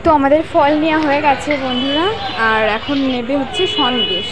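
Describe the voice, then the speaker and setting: A chatty woman with a high voice talks to her viewers as friends while out shopping. Behind her, a thick crowd murmurs and traffic noise fills the street. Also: a little fast. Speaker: vlogger. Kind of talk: casual vlog narration. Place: outdoors on busy streets and a market.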